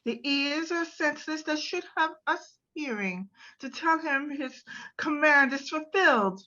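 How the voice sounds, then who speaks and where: A woman's voice: high-pitched, animated, unhurried, pushed and bright, heavily acted. A woman playing a formal, sombre ambassador in a Shakespeare reading. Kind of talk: dramatic Shakespeare read-through. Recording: dull, lo-fi microphone sound.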